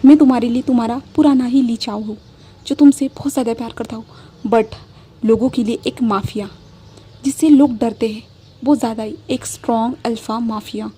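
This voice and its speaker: A woman's voice: on the high side, fairly even intonation, a little fast, mellow, breathy edge. A woman doing a possessive young mafia boss. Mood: gloating. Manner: pleading then gloating, emphatic.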